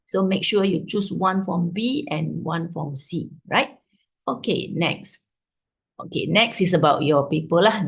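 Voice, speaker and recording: A woman's voice: lowish voice, vocal fry, husky. A Malaysian-accented older woman teaching an informal online class, switching between English and Malay and often adding little tags to check in. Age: 50s or older. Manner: checks in with tags like "right", "ya", "lah". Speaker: chemistry teacher giving an online revision class. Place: online video call with screen share.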